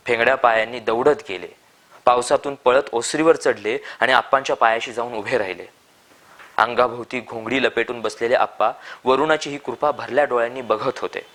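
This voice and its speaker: A man reads a short story aloud, steady and measured. His pitch sits in an ordinary middle range.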